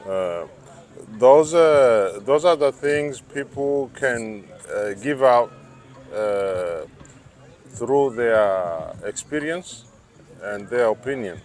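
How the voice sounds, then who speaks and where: A middle-aged man speaks with a Tanzanian accent at a slow pace, in a medium-pitched voice. He answers casually in a street interview, often pausing to search for words. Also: animated, darkish tone. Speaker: interviewee, biochemical engineer.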